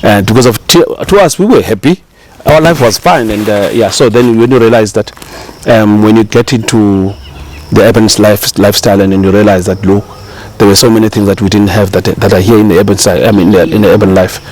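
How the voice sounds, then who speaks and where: In a low-quality recording, a South African chef in middle age speaks in a fairly low voice during a casual interview. His storytelling wanders, doubling back frequently, packed with fillers and restarts, and he sounds relaxed and in no hurry.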